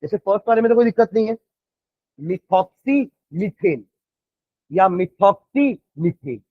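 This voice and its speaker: Male chemistry teacher, high voice, slow deliberate dictation between quick explanations, dull lo-fi recording. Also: dry recording. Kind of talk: classroom lecture, dictating notes.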